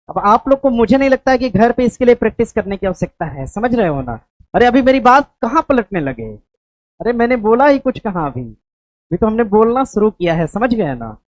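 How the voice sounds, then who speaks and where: A woman's voice: on the high side, no room sound, low-quality recording. A woman teaching an exam coaching class, quizzing her students with questions and frequent checks that they follow. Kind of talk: classroom quiz review.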